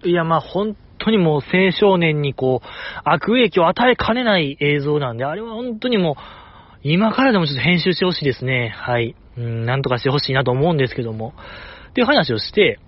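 A man's voice: on the high side, expressive, fairly quick, muffled recording. A man with a Kansai accent hosting a podcast alone, chatting casually and repeating himself for emphasis. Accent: Kansai Japanese. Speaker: podcast host. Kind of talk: solo casual chat.

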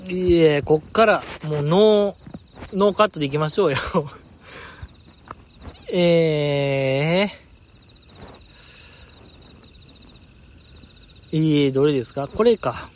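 A man's voice: fairly high pitch, extremely slow, long pauses. A man with a Kansai accent hosting a podcast, chatting casually and playfully about listener mail. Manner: lively, playful commentary with frequent laughs. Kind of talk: casual chat. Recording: dull lo-fi, dry.

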